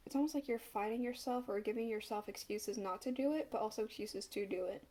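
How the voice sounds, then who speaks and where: Talking fast in a medium-pitched, dark-toned voice, a tarot reader turns cards casually for the camera and muses aloud. She has a cold, sounding stuffed up with a slight cough.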